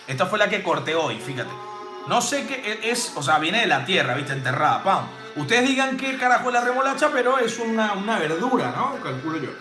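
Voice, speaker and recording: A male bartending instructor with a high voice and big pitch swings talks a little fast during a casual live drink-making demo. Chatty and jokey, he throws in playful sound effects and casual swearing, recorded in a roomy home space with music playing.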